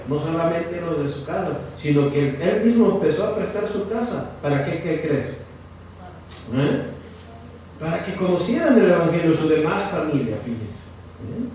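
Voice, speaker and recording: A high-voiced man preaches a sermon in a church hall, constantly quizzing his listeners and repeating "fíjese". He is heard from far off, with heavy echo and faint ambient noise. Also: darkish tone. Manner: questioning the congregation, repeating "fíjese". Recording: very echoey, from far off.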